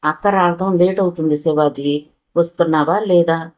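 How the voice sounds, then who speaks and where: A woman's voice: lowish voice, steady tone, moderate pace, darkish tone, lightly acted. A woman voicing a spoiled, imperious young woman who scolds and orders the driver around. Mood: bossy. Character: bossy spoiled young woman, house owner's sister.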